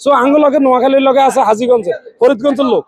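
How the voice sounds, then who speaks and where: A man's voice: very high voice, rapid-fire, darkish tone. A man from Noakhali speaking with a Noakhali Bengali accent in a street interview, proudly rambling through lists of names and places. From Noakhali, Bangladesh.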